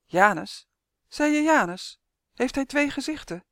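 A storyteller voicing a small, high-strung elf in duck form who buzzes his words, in a storybook reading. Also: lively intonation, moderate pace, no echo, studio quality, lightly acted. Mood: excited. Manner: buzzing, wary, high-strung.

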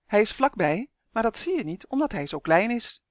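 A huge, bossy giant, as a storybook reader plays him, teases and grumbles with smug self-importance. His voice sits at an ordinary middle pitch. The sound is dry and close. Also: big pitch swings, normal speed, no room sound, natural voice. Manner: smug, booming and teasing. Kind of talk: storybook reading.

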